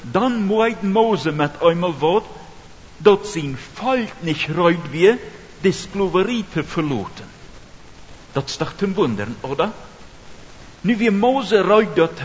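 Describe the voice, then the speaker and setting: A man preaching a sermon, telling a story slowly and earnestly and putting questions to the listener. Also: high-pitched. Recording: dull lo-fi recording with long reverb and hiss.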